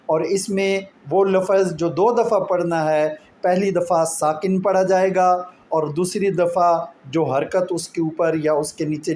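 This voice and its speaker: Male Quran teacher with a Pakistani Urdu accent, high voice, slow and patient delivery, echoey room with faint background noise. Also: a little mellow. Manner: patient, explains step by step with examples. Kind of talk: slow explanatory lesson.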